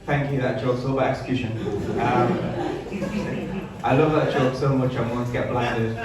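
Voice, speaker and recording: A man's voice: medium pitch, unhurried. Echoey young stand-up comedian, male. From Newcastle, northern England. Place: small sparsely filled comedy venue. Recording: echoey live room, distant mic, audience noise.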